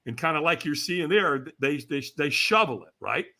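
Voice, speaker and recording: A man's voice: on the high side, lively intonation, normal speed, sharp tone. A man in his sixties from California, a podcast guest telling a story with energy, acting out the voices he quotes and laughing as he goes. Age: 60s. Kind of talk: animated storytelling.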